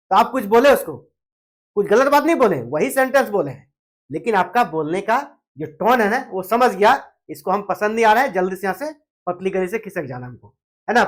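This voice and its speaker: A woman gives an exam coaching lecture at a middling pitch. She explains each point step by step, keeps checking in with the listener, and briefly acts out example phrases in different tones. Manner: explains with repeated fillers and acted-out example phrases. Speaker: teacher.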